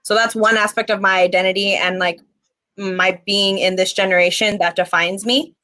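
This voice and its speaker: A woman in her twenties, from Mexico and raised in the United States, is a guest poet in a casual interview chat, speaking earnestly and pausing often on "um." Her bright, medium-pitched voice keeps a fairly even intonation, recorded close and dry with no room sound.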